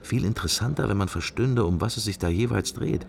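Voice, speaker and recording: A fairly quick, creaky, lowish male voice, recorded with slight background noise, belongs to an actor doing a radio drama interior monologue. He plays a sceptical, wry, worldly middle-aged man who silently observes church while murmuring fragmentary, associative musings.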